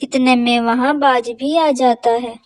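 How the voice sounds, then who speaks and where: A woman's voice: on the high side, steady tone, a little slow. A woman narrating a children's cartoon story in a dramatic, moralizing storyteller manner.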